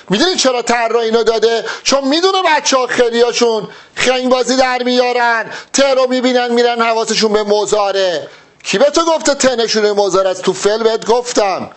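An Arabic teacher doing exam prep, a man with a fairly high voice, runs a test-solving lesson. He goes through the answer options emphatically and with animation, speaking directly to his students.

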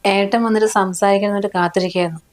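A woman's voice: mid-range voice, steady tone, very fast, natural voice. An actress playing a young wife and mother who pleads with her husband in a family short film. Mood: pleading.

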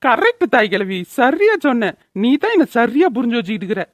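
Brief: cartoon drunkard son, loud and quarrelsome, high for a man, a woman plays him. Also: big pitch swings, a little fast, loud music behind the voice. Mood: mocking. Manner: bellowing, taunting. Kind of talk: cartoon voice acting.

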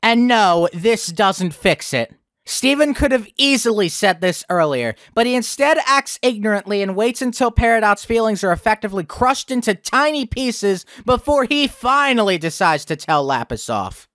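A man's voice: high voice, expressive, normal speed, fairly bright tone, no room sound, clean studio sound. Sarcastic young man ranting in a review. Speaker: video critic host.

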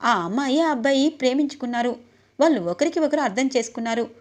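A woman's voice: sits high, animated, quick pace, a little mellow. A woman voicing a group of wedding guests who lecture the bride's father reproachfully. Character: scolding crowd of wedding guests.

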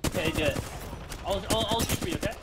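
A man giving excited, cheering callouts in casual game chat with a teammate. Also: high-pitched, quick pace, very noisy. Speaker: gaming teammate. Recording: loud game gunfire behind voice. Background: game gunfire and clicks.

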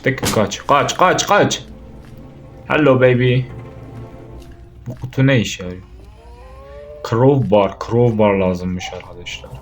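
A young man giving casual let's play commentary on a horror game, jumpy and swearing, yelling out when startled. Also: fairly low pitch, unhurried, pauses often, soft background music. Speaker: gaming YouTuber.

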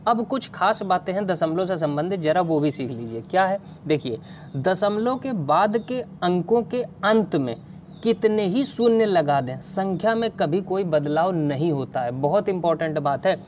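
A woman's voice: fairly low pitch, expressive, normal speed, a little mellow, slight background noise. A woman teaching an online math class, explaining step by step and asking questions to the students.

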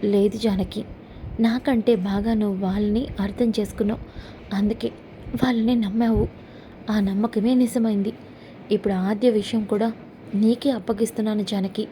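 A woman voicing a calm, fatherly middle-aged head of the family in a serial recap, speaking earnestly and reassuringly. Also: mid-range voice, moderate pace, pauses often, a little hiss or hum, lightly acted.

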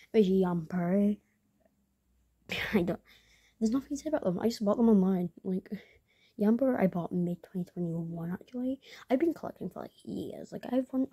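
A young woman vlogger chats casually in her bedroom at night, showing plush toys to a handheld camera. Her mid-range voice is mellow with a breathy edge, and she rambles with many fillers, sometimes dropping into whispers.

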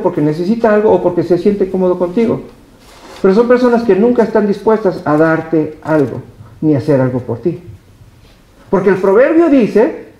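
A man's voice: high voice, mellow, dull audio. A man with a Mexican accent, a pastor preaching a sermon and speaking directly to his congregation. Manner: emphatic preaching, repeats words and addresses the congregation directly. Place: church service held in a hotel hall. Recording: echoey hall.

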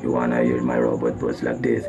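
A booming, mechanical robot voice rumbles far below normal speech, drawn out and distant-sounding. The dull, lo-fi recording is thick with loud music. He shows it off like a vocal party trick. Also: monotone, a little fast, vocal fry. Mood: playful. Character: deep slow robot, male, mechanical.

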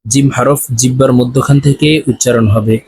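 A man teaching Arabic letter sounds, chanting each syllable in a slow, drawn-out drill and pausing to explain how to pronounce them. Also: mid-range voice, fairly even intonation, darkish tone, slight background noise. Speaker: Quran reading teacher.

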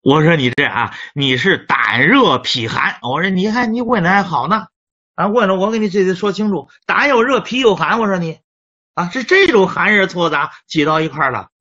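A middle-aged man who teaches Chinese medicine tells a story from the clinic during a lecture, in a high, animated, sharp voice at a fairly quick pace. He often repeats and restarts words, and the recording is dull and lo-fi.

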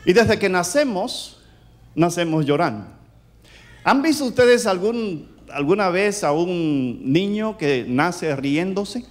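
A man's voice: sits high, lively intonation, takes it slowly, few pauses. A male pastor preaching a sermon, telling personal stories and asking the audience rhetorical questions with emphatic delivery.

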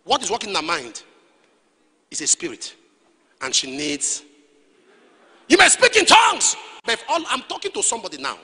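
A man preaches in a high, piercing voice with a husky grain, leaping from hushed, low asides to shouted bursts. His sermon swings hard in pitch and rings with the long reverb of a big church hall. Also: big pitch swings, a little fast, long pauses. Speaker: pastor.

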